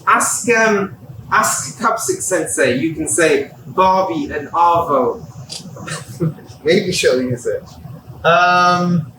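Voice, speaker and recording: A middle-aged man lectures a class in an unhurried, good-humoured way, talking through examples. His voice sits fairly high, and he sounds some way from the mic. The room adds a noticeable echo and a faint hum of ambience. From England. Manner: relaxed, explains with examples, laughs at himself. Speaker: university lecturer. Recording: echoey room, distant mic.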